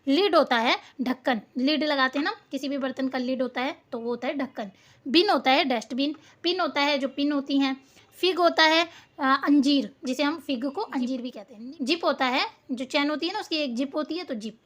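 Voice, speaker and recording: A woman teacher with a high voice, speaking in a patient classroom manner. She spells each word out slowly, letter by letter, and answers her own questions as she works through the sheet. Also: a bit bright. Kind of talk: classroom lesson explaining a worksheet.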